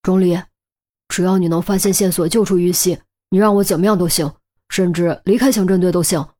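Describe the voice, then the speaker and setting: A woman's voice: on the low side, steady tone, a little fast, warm tone, slight background noise, natural voice. A woman voicing a remorseful, stubborn young male detective in an audiobook, earnest and resolute.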